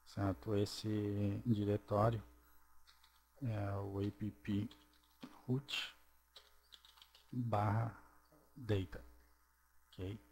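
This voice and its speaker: Slow, mellow man explaining step by step. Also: fairly low pitch, little pitch movement, slight background noise. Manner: slow, step-by-step, checks in with "ok?" and "certo?". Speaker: programming tutorial presenter. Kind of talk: screencast tutorial narration.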